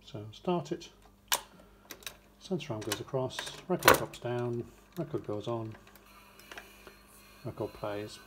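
Standing next to a wooden radiogram indoors, a man shows how a vintage record player works, hands-on and step by step, in brief, factual phrases. He speaks slowly in a mid-range voice with lively intonation and long pauses, while mechanical clicks and clear background noise are audible.

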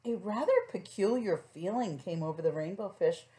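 A woman's voice: on the low side, lively intonation, normal speed. Middle-aged woman reading a children's story. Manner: gentle questioning asides to young listeners. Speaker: preschool teacher. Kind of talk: children's storybook read-aloud with asides.

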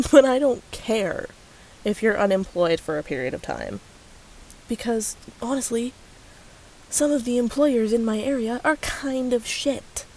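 A woman YouTuber answers a commenter in a casual ranting vlog, sarcastic and profane and often breaking into laughter. Her mid-range voice is a little mellow, and the rough recording carries slight background noise.

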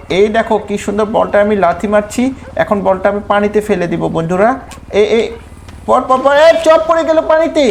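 A man's voice: high-pitched, a little hiss or hum. A man doing a cheeky little cartoon boy, Shinchan. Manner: childish, excitable, calls out repeatedly. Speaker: gameplay creator. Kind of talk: playful in-game role-play commentary.

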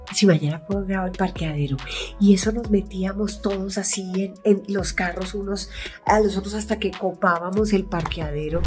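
A middle-aged woman with a Colombian accent, an actress hosting her own video channel, telling rambling behind-the-scenes stories and acting out what she said back then. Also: fairly low pitch. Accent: Colombian (Bogotá). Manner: rambling, chatty, acts out her own past voice. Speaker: actress and YouTube host. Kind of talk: casual storytelling vlog.

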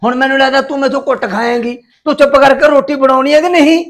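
A man playing a shrill, bullying drunk husband. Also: steady tone, fast, a bit bright. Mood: angry. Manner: blustering, threatening. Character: drunken quarrelsome husband demanding his dinner. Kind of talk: village short-film acting.

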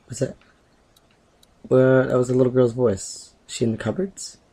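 A young man chatting excitedly over a game he is playing, rambling with filler words and sudden jumps in pitch. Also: moderate pace. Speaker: gameplay commentator. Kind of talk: casual let's-play commentary.

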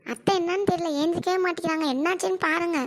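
A woman's voice: very high voice, fairly even intonation, fast talker. A woman voicing a naive, whiny younger daughter-in-law in a cartoon comedy, with a childlike manner. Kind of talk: cartoon voice acting.

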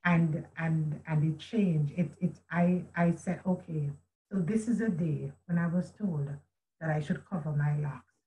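Warm and low-pitched, this middle-aged author speaks at a measured pace while telling a personal story as a video call guest. The webcam recording from her chandelier-lit room is rough, with slight background noise. Her manner is earnest and reflective, full of restarts and quoted speech.

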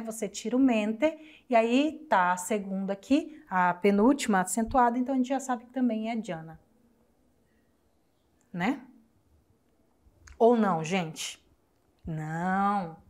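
In a recorded online class, a young adult Spanish teacher from Brazil talks in a mid-range voice with a Brazilian Portuguese accent. Her manner is affectionate and talkative; she answers her own rhetorical questions and drills vocabulary slowly, word by word and syllable by syllable.

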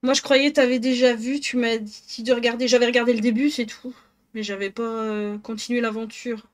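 Streaming on Twitch from a home office, this northern French woman chats easily with her audience, calls out viewers by name and pokes fun at herself. She speaks fairly quickly in a flat, somewhat high voice.

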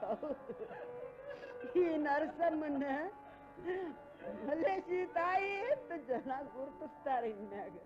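A high, slow, wailing village mother mourns. The radio drama recording is muffled, with music underneath. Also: sing-song, exaggerated voice. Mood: proud. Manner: wailing, tearful, slow and heavy. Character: grieving village mother Narasamma, proud of martyred son.

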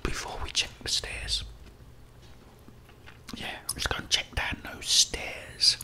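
Taking it slowly, a middle-aged man gives whispered, breathy ASMR commentary over a video game and jokes around with its characters. His voice sounds pushed and bright.

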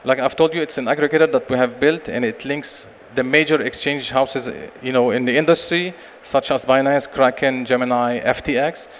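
A man in his forties, a company director, giving a conference sales pitch and answering questions with many fillers and restarts into a handheld mic. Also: moderate pace, hardly any pauses. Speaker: company managing director presenting. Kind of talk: conference presentation and Q&A. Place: large expo stage hall. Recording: long hall reverb, faint noise.

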